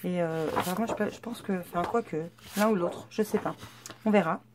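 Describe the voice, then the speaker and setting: A woman's voice: fairly low pitch, normal speed, background noise. Chatty woman showing craft papers. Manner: chatty, hesitant with many fillers. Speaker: scrapbooking vlogger. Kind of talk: casual haul show-and-tell.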